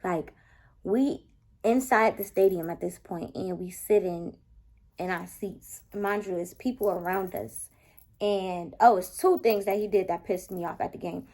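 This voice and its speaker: A woman in her twenties telling a date story in a casual vlog, animated and exasperated, full of profanity and acted-out dialogue. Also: medium pitch, measured pace. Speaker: vlogger.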